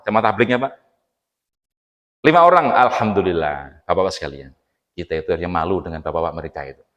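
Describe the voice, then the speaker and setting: A man's voice: lowish voice, a bit bright. A man giving a casual mosque sermon, chatty and joking, quizzing the congregation. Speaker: mosque preacher. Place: mosque hall. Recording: long mosque reverb.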